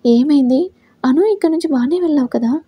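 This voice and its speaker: A woman's voice: high voice, brisk, dark tone, dry recording, natural voice. Woman reading as a worried young husband. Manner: anxious, pleading questions.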